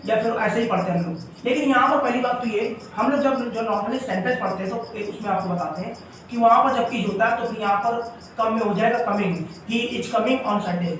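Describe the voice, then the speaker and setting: High-voiced man teaching, echoey room. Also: a bit bright, recorded from a distance, a little hiss or hum. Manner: explains step by step, often says "ठीक है". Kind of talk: classroom grammar lesson.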